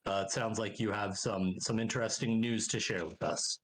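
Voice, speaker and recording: A man voicing a stout, red-bearded dwarf paladin who greets travelers in a formal, booming way. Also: steady tone, normal speed, natural voice. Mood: welcoming.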